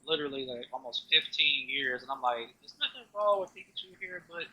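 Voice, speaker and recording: A man's voice: medium pitch, expressive, fairly quick, sharp tone, breathy edge, rough recording. A man of about thirty talking in laid-back casual chat, full of "you know" fillers. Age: 30s.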